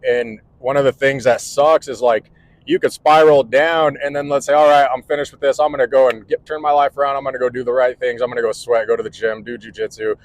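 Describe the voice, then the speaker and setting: A man's voice: medium pitch, fairly even intonation, quick pace, no room sound, low-quality recording. Earnest rambling man in his forties. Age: 40s. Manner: rambling, earnest, restarts often. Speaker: electrical contractor vlogger. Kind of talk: casual vlog monologue. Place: indoors at home.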